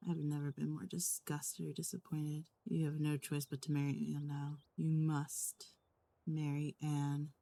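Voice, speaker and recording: A woman's voice: low voice, little pitch movement, a little slow, creaky, mellow. A woman voicing a stern, disappointed male head of household in a life-simulation game, scolding in a formal way.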